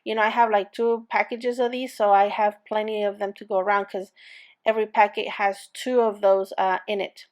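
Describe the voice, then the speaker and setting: A crafting channel host with a non-native English accent leads a casual tutorial, chatty and rambling, full of fillers and restarts. Her mid-range voice is flat and moves at a normal speed.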